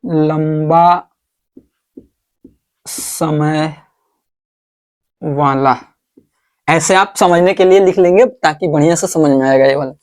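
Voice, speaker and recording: A man teaching at the board at an unhurried, deliberate pace. He poses questions to his students and answers them himself. He repeats each word slowly as he writes it out. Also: on the high side. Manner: repeats words slowly while writing on the board. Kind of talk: board lesson.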